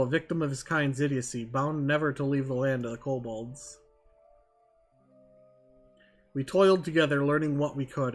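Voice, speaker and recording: A man's voice: fairly high pitch, fairly bright tone. Man playing a solemn, remorseful old mage. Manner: grave, formal archaic confession. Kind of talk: reading game dialogue aloud in character.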